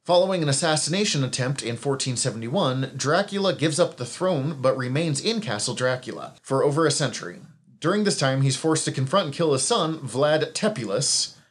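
A man's voice: medium pitch, animated, fairly quick. A man co-hosting a podcast, recapping comic book history in a rambling, self-correcting way with chuckles at his own asides.

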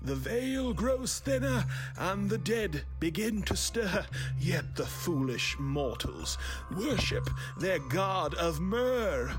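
A regal ancient elf host, as a man puts him on, declaiming ominous threats in a lofty, high-pitched voice that swoops widely. He speaks slowly and grandly. Faint music plays behind. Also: sing-song, exaggerated voice. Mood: menacing.

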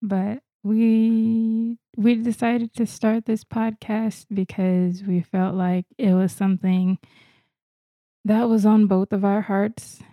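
A woman's voice: mid-range voice, flat delivery, slow pace, mellow, no echo. A woman from Florida with an American accent, chatting casually as a podcast co-host. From Florida, United States. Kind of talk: casual chat, self-introduction.

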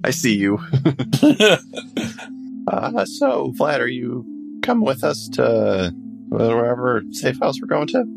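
A man's voice: mid-range voice, lively intonation, takes it slowly, vocal fry, long pauses, over music. A man playing a tabletop role-playing game, casually chatting and asking questions in and out of character.

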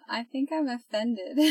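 A woman's voice: sits high, a little mellow, husky, dry recording, low-quality recording. Playful young woman podcast co-host. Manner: playful, teasing, laughs often. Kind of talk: casual podcast banter.

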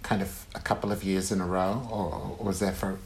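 A man who is a guest author on a casual podcast interview, rambling with halting restarts and frequent ums. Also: low voice, little pitch movement.

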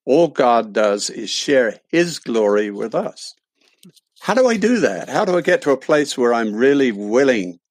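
An older man with an English accent speaks as a podcast guest in a reflective, deliberate way, repeating phrases for weight. His voice is fairly low and the sound is very dry. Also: no echo. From London, England. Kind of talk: reflective explanatory interview talk.

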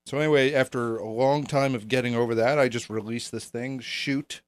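A man chats casually on a podcast, talking like a working musician. His voice sits at a middling pitch and the recording is dry and close. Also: steady tone, normal speed, no room sound. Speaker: musician and mixing engineer.

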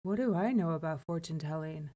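A woman's voice: deep voice, fast, warm tone. A woman voicing a timid, worried young man in a folk tale. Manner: worried, hesitant. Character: timid nervous young man, poor digger.

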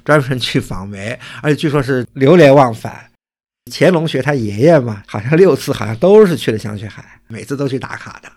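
A man's voice: medium pitch, animated, brisk, a little mellow. A man from Suzhou, co-hosting a casual chat and explaining place names and local history in detail. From Suzhou, China. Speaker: co-host.

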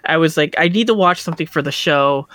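A man co-hosting a podcast, chatting in an easygoing way with a bright, smooth, fairly high voice. He is recorded on a close, dry mic. He peppers his talk with "like.". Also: fast, dry recording. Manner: relaxed, easygoing, uses "like" often. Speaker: podcast co-host. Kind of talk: casual chat.

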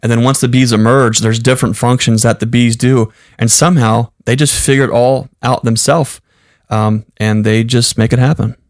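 A man co-hosts a casual podcast, speaking haltingly with lots of fillers and restarts. His mid-range voice has fairly even intonation, and the clean studio sound has no echo.

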